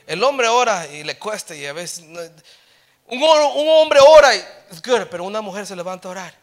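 A middle-aged male preacher giving a sermon, switching between Spanish and English, with joking asides and swells into loud, emphatic exhortation. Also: high voice, big pitch swings, normal speed.

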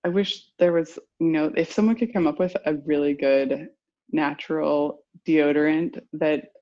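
A woman's voice: low-pitched, steady tone, normal speed, highs cut off. A woman in her forties, a perfumer being interviewed, talking casually and rambling with lots of filler words. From United States. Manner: rambling, full of "like" and "you know". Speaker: perfumer guest.

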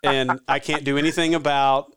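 Man, podcast host, chatty, rambling, smooth clear voice. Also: mid-range voice, flat delivery, moderate pace, fairly bright tone. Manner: chatty, rambling, laughs often. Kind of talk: casual sports podcast chat.

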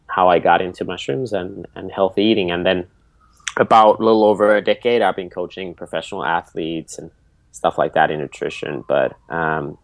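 Low-voiced Finnish-accented man, dry close sound. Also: no room sound. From Finland. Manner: loose, rambling answers with many fillers. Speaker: podcast guest. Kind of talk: casual interview.

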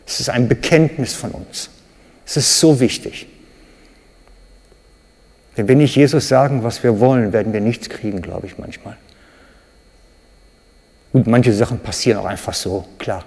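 A man with a German accent preaching a sermon, animated, with sudden loud high bursts when he acts out cries and quotes. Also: moderate pace, long pauses, breathy edge. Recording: reverberant hall.

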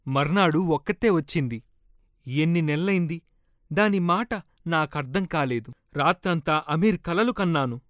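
Man with a fairly high voice, reading heartfelt narration. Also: unhurried, dry recording, studio quality. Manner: reads a woman's first-person account with heartfelt emotion. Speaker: audiobook reader. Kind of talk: scripted narration of a novel.

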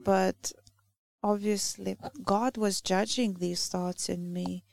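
A woman from Lithuania with a Lithuanian accent, a native Lithuanian speaker giving a halting church talk that searches for words. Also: mid-range voice, fairly even intonation, creaky, darkish tone, no room sound. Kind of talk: sermon.

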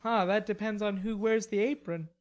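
A woman reading an audiobook as a chivalrous, teasing young college gentleman with a mock-superior air and old-fashioned gallant speech. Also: mid-range voice, steady tone, normal speed, close to an everyday voice. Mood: teasing, earnest. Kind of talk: audiobook character dialogue.

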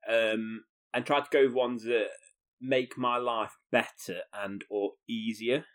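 Casting: an average-pitched man, teasing and playful, hesitant in casual podcast chat. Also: fairly even intonation, measured pace, a bit bright. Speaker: podcast co-host.

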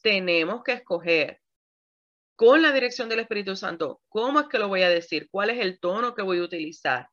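Animated woman pastor with a bright voice, a bit lo-fi, talks to her congregation directly. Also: mid-range voice, normal speed. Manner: animated, acts out examples with shifting tones; addresses the audience directly, laughs often. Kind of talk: sermon on communication.

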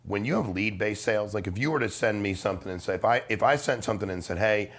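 Talking fast in a lowish voice with a fairly bright tone, a middle-aged man who sells life insurance is interviewed on a podcast. He comes across casual and persuasive, blunt and emphatic, slinging slang and swearing.

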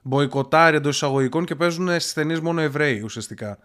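A man's voice: a little high, a bit bright. A young man co-hosting a podcast, confidently explaining at length in casual chat. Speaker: podcast co-host.

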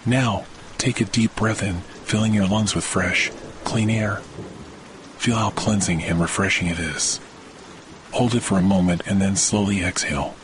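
Guiding a scripted relaxation session, a man with a low, deep voice speaks in a soothing, measured way with fairly even intonation, much like a sleep podcast host. Behind him is a loud soundscape of rain on leaves and soft thunder, plus a little hiss or hum.

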